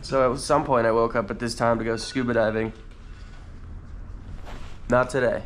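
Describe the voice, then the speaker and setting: A man's voice: mid-range voice, fairly even intonation, fast talker, fairly bright tone. Offhand male camping vlogger, noisy recording. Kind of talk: casual overnight camping vlog narration.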